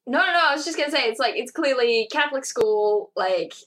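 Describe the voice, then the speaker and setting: A woman's voice: on the high side, expressive, a bit bright. A woman with an Australian accent, co-hosting a casual film-discussion podcast with chatty, laughing asides. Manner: chatty, quick to laugh, lots of "like". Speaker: podcast co-host.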